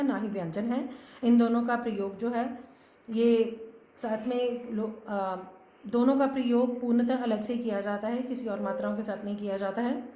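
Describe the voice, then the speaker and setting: A female Hindi teacher gives a classroom-style grammar lesson, patiently sounding out letters one at a time and mixing English words into her Hindi. Her voice is fairly high with a darkish tone, and the sound is reverberant.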